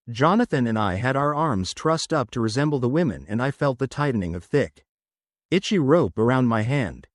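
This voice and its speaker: A man giving a scripted first-person horror narration in a steady storytelling read. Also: mid-range voice, dry recording, clean studio sound.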